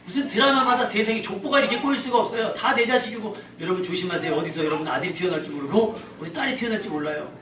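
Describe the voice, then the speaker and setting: A man's voice: high-pitched, expressive, racing, few pauses, crowd noise. Joking male pastor in an echoey church. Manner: joking, conversational, calls for congregation responses. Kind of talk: sermon. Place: church sanctuary. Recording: echoey church from far off, with noise.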